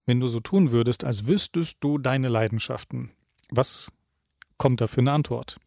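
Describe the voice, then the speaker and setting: A man giving a reflective self-help talk, calmly putting questions straight to the listener. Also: medium pitch, moderate pace, creaky, dry recording, clean studio sound. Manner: calm, addresses the listener directly with questions.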